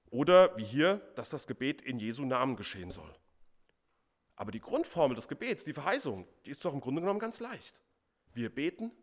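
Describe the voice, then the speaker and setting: Emphatic male preacher, slightly high voice. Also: a bit bright. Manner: emphatic, repeats key words for stress. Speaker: pastor. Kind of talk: sermon.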